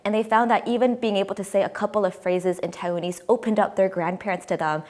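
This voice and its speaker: A woman's voice: medium pitch, steady tone, fast talker, darkish tone. A woman in her twenties, an American-born interview guest, speaking in an articulate and enthusiastic way. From United States. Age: 20s. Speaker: interview guest, editor-in-chief. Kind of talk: conversational interview.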